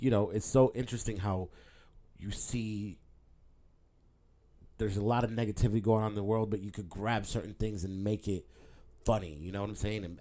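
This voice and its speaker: A stand-up comedian with a fairly low, dark-toned voice delivers a casual podcast monologue on his own show. He rambles loosely, packing in fillers and profanity.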